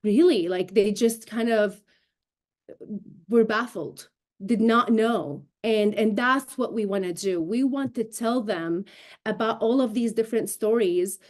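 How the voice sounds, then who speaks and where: A slightly high, darkish voice delivered a little slowly belongs to a Syrian broadcast journalist and show host in her thirties. Raised in Damascus with Arabic as her native language, she joins a remote news interview as a guest via video call from indoors, explaining things in an emphatic, articulate way.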